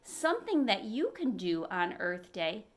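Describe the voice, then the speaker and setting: Her mid-range voice has a sing-song quality and a measured pace as she reads a picture book to young children. She's a librarian running an animated storytime, expressively inviting the kids in with questions.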